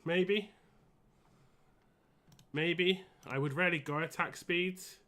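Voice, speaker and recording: A man live-streaming a game in casual, rambling and halting chat, wheezy and short of breath with a cold. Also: sits high, bright, forceful tone.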